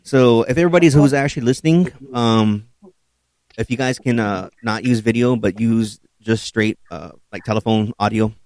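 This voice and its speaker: A man hosting a call-in podcast show, announcing in a slow, drawn-out way. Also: medium pitch, darkish tone, no room sound. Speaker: podcast host. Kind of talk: radio-style show hosting.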